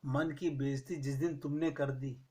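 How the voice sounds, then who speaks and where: A man giving a slow, measured spiritual discourse to a gathering, stressing his points with rhetorical questions. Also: medium pitch, steady tone, dark tone. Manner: recites verse slowly. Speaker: spiritual teacher. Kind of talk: Hindi satsang discourse.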